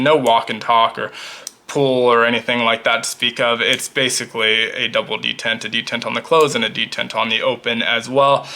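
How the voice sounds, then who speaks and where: A man's voice: mid-range voice, bright, forceful tone. A man chatting casually as he reviews his knife collection at a table, talkative and full of rambling asides. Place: at a table showing knives.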